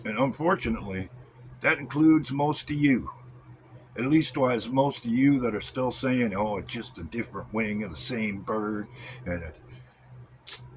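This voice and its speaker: A man's voice: medium pitch, a little hiss or hum. An American man delivering a blunt, scornful, coarse-mouthed rant in the style of a wrestling promo, drawing out words for emphasis.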